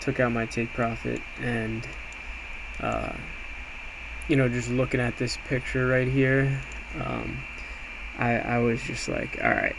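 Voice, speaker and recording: Speaking slowly in a mid-range voice, this man walks through a screen as he gives a casual, hesitant recap of his trades as an amateur day trader, reflecting on himself along the way. The audio is clear, with a steady hum of background noise.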